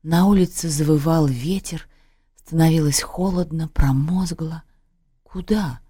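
A woman reading a literary story aloud in a measured, expressive way. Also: low voice, dry recording, studio quality. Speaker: audiobook narrator.

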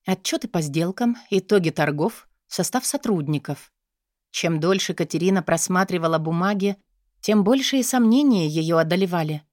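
A woman reading an audiobook in a measured, expressive way. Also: on the low side, no echo, clean studio sound. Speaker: narrator. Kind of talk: audiobook narration.

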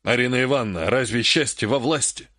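A man reading an audiobook, voicing an emperor who speaks softly and in a measured way. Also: mid-range voice, no echo, studio quality, lightly acted. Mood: mild placating. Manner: soft, placating, measured. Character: calm, mild-mannered male emperor, later irritated.

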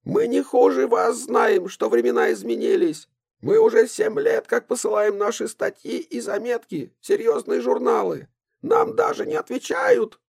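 A man reading an audiobook, voicing a fussy, tipsy, boastful elderly woman in a high, quavering voice. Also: wildly swooping pitch, measured pace, creaky, warm tone, husky, dry recording, clean studio sound, full character voice. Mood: complaining. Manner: high quavering old-lady voice.

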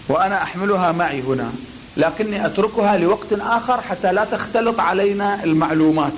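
A male cleric lectures on oratory in a high, deliberate voice. He leans on key words and lets short silences frame them, with a faint hiss under the recording. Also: fairly bright tone, poor audio. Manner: deliberate and emphatic, pausing before key words. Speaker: cleric teaching preaching.

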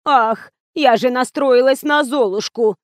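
A woman's voice: high-pitched, dry recording, studio quality. Woman doing a quavering old actress. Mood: fussy. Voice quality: quavering, slow and drawn-out. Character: frail old female actress, fussy and half-deaf. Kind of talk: audiobook character reading.

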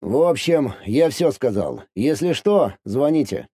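A man reading an audiobook, voicing a calm, secretive man who speaks in a measured, condescending way. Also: medium pitch, breathy edge, no echo, studio quality. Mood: weary.

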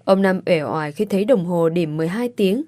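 A woman narrates a story in a steady, even reading voice. Her voice sits slightly low and sounds dry and close to the microphone. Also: brisk, no echo.

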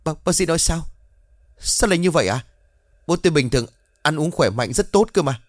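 A man's voice: on the high side, lively intonation, a little fast, dry recording, clean studio sound, voice pushed up. A man voicing a young son who pleads tearfully over his father's illness in a story. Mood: distraught.

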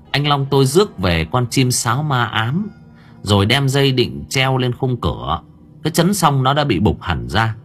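A man narrating a story with lively, expressive storytelling. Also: mid-range voice. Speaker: audiobook narrator.

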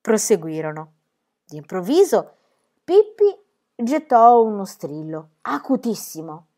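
A woman reading a children's book aloud with expressive storytelling. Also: medium pitch, takes it slowly. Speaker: reader.

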